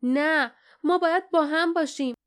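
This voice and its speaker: A woman voicing a brave, stubborn young male hero in an audiobook, shouting urgently. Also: high-pitched, voice pushed up, lightly acted.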